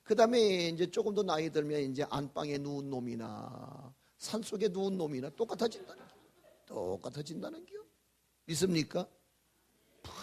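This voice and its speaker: An older pastor with a voice on the high side preaches a revival sermon, folksy and full of jokes. His delivery swings from loud to whispered.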